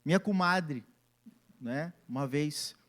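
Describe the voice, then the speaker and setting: A man's voice: on the high side, slow, fairly bright tone. A man, preaching a sermon as pastor and acting out family scenes in different voices.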